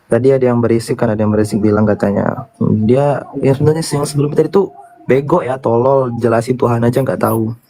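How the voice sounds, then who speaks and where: A male caller joins a live stream and talks quickly in a friendly, casual tone. His pitch is ordinary for a man. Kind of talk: casual chat.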